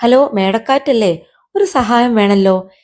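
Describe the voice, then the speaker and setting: A woman voicing a kindly, fatherly old moon uncle in a children's storybook reading, speaking softly and affectionately. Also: a little high, unhurried, lightly acted. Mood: urging. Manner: soft, affectionate and coaxing.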